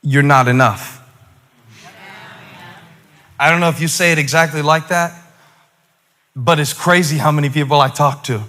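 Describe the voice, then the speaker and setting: A man preaching a sermon to a congregation, talking conversationally and then rising to loud exhortation. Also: fairly high pitch, fairly even intonation, fairly quick. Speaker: pastor.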